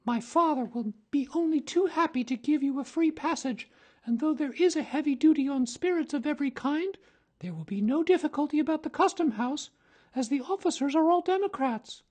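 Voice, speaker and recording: A woman's voice: sits high, animated, fairly quick, warm tone. A woman voicing an earnest, outspoken young girl, speaking in a prim, matter-of-fact way. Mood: tart. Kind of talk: audiobook drama reading.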